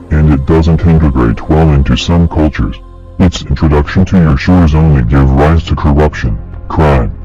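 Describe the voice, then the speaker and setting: A man with a disguised, pitched-down deep voice, delivering a grave, accusing scripted address as an anonymous narrator. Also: warm tone. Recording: dull lo-fi audio with faint music.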